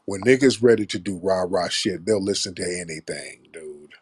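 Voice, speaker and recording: A man's voice: deep voice, normal speed, slightly rough, dry recording. A man hosting a live call-in stream, talking bluntly with profanity and street stories. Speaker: show host taking callers. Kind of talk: casual live-stream talk.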